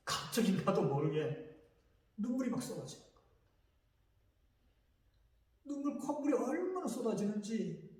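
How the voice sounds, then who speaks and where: Male pastor, middle-aged, emotional sermon testimony, high voice, very reverberant hall, mic at a distance. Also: a little mellow. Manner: emotional, storytelling with shifting intensity. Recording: echoey church hall picked up from a distance.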